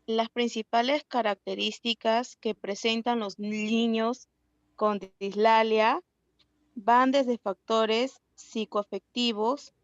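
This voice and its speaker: A woman student reading a passage aloud slowly and carefully in class. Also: fairly high pitch, fairly even intonation, no echo, lo-fi sound.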